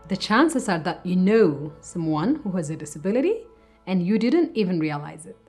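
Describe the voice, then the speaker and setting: A woman from Africa presenting a training module in calm, scripted narration. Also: on the low side.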